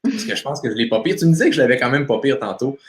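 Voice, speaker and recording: A man's voice: mid-range voice, big pitch swings, very fast, reverberant. A man with a Québécois accent hosting a live stream interview, casual and full of fillers. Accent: Québécois French. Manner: casual, many fillers and restarts. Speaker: host.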